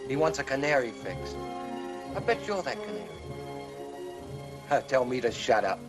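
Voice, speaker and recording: An actor playing an agitated, taunting jailhouse drunk in an old crime drama, jeering in slang. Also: male voice, mid-range voice, sing-song, normal speed, over loud music, natural voice.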